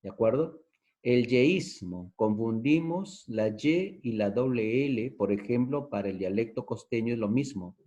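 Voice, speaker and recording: A man's voice: mid-range voice, lively intonation, unhurried, warm tone. A man with a Peruvian accent teaching a lesson, explaining step by step, repeating key terms and checking in with the listener. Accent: Peruvian Spanish. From Peru. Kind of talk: recorded lesson. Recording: dull lo-fi recording.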